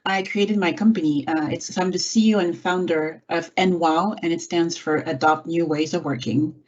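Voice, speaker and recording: Born in France and raised in California, a middle-aged woman who works as an executive assistant and software trainer answers conversationally as a guest in an online interview. Her voice is lowish and a little mellow, with fairly even intonation and a moderate pace. She's indoors on a video call, and the call audio sounds dull and muffled.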